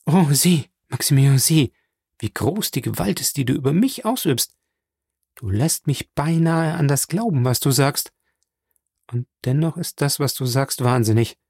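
A man's voice: medium pitch, expressive, unhurried, darkish tone, husky, no echo, clean studio sound, pitched above the performer's own voice. A man reading an audiobook, voicing a pious young woman in despair who pleads fervently and through tears. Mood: resolute, fervent.

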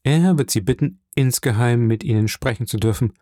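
A man's voice: mid-range voice, normal speed, warm tone, no echo, clean studio sound, natural voice. A man voicing an offhand, slightly mocking male prison governor in an audiobook reading.

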